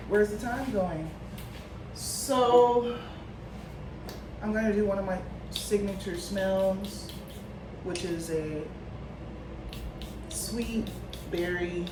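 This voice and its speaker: A woman in her thirties talks casually into the camera while she gets ready at home. Her voice sits a bit low and she rambles with plenty of fillers. The room is echoey, with clear background noise. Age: 30s. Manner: chatty, rambling with fillers like "like" and "you know". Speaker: vlogger. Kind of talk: casual vlog chat.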